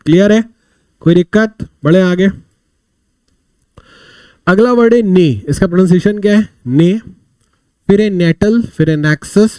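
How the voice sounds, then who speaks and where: A man's voice: fairly high pitch, warm tone, no echo. A man teaching a vocabulary class, telling little stories to explain words and asking and answering his own questions. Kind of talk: live online vocabulary class.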